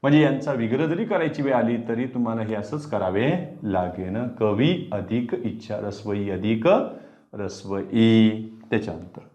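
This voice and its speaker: A man's voice: lowish voice, normal speed, mellow. Man teaching grammar step by step. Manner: explains step by step, asks questions back. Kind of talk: online grammar lesson. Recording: dull, roomy sound.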